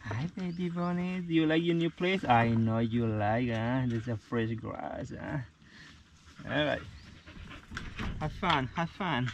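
A man on a farm talking softly and coaxingly to animals, recorded on a handheld camera held close. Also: medium pitch, slow pace. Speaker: farmer. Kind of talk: casual talk to animals. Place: outdoors on a farm. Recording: noisy outdoor camera recording.

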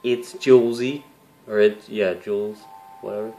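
A man's voice: lowish voice, steady tone, moderate pace, dark tone, a little hiss or hum. A young man hosting his own gaming channel, talking to camera in a casual, rambling, profanity-heavy and emotional way. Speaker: YouTube gaming channel host.

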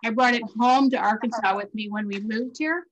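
A woman in her sixties chatting on a video call at a class reunion gathering, telling family stories in a lively, talkative way. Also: fairly high pitch, fairly quick, dull audio, noisy background. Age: 60s. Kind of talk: casual video call chat.

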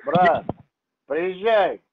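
A man with a high voice toys with a caller over the phone, playing dumb and dragging things out with playful chatter. The sound is muffled, like a phone line. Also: expressive, extremely slow. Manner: playful, stalling, mock-naive. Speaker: prank call host. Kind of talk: phone prank chat.

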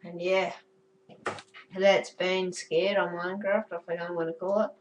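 A woman's voice: fairly low pitch, level tone, a little slow, recorded from a distance, highs cut off, slight background noise. A woman giving chatty, goofy commentary while playing a game, cursing and giggling at her own jokes. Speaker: gamer. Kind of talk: casual gameplay commentary.

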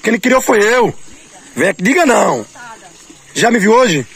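An animated man with a Northeastern Brazilian accent and a high, swooping voice. He teases his family in casual chat, repeating himself insistently, filming on a phone out in a yard. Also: normal speed, gravelly, breathy edge. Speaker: family vlogger behind the camera. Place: outdoors in a rural yard. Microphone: phone held by the speaker.

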